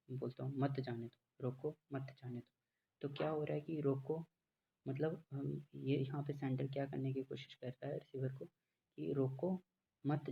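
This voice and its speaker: A man teaching a lecture, explaining step by step with frequent fillers and reading English definitions very slowly. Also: medium pitch, gravelly. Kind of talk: classroom lecture. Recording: dull lo-fi with faint background noise.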